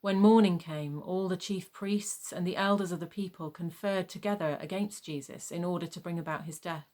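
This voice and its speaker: A woman narrating a dramatised Bible reading in a measured, formal storytelling manner. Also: lowish voice, a little mellow.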